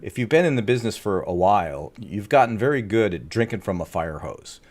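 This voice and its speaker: A man with a lowish voice co-hosts a business podcast in an easy conversational way. He gets animated and now and then drops into playful put-on to make a point. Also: a little fast. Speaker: podcast co-host, agency owner. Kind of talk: casual podcast chat.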